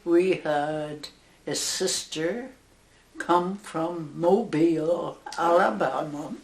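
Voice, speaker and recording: Her voice low-pitched and gravelly, a Northern Irish nun past the age of one hundred reflects on her life in an oral history interview. She speaks slowly and haltingly, with gentle laughter, in a reverberant space.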